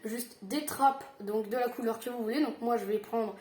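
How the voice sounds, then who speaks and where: A tired woman giving a casual Minecraft building tutorial, halting with fillers and self-corrections. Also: fairly high pitch, a little mellow, roomy sound, a little hiss or hum.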